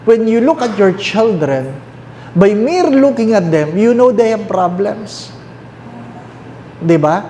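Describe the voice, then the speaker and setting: Filipino priest guy preaching, slightly high voice, roomy echo, faint hum behind. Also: very animated, mellow. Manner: mixes English and Tagalog, asks the listeners questions; repeats key phrases slowly. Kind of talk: sermon.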